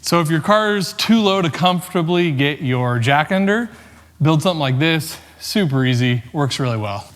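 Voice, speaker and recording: A man's voice: on the high side, expressive, normal speed, fairly bright tone, in a large hall, a little hiss or hum. A man casually explaining car work step by step as a DIY vlogger, chatty with dry joking asides. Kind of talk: casual how-to narration. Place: home garage.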